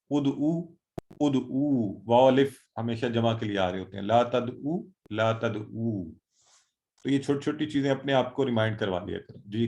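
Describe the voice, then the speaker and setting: A man teaching an online Quran class, encouraging students and drilling words slowly. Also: mid-range voice, a little mellow.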